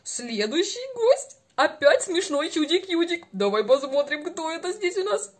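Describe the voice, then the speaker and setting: With a very high voice and a slightly slow delivery, a twentysomething woman coaches a young child through a fun speech exercise. She exaggerates every sound, keeping her tone lively, lilting, and supportive.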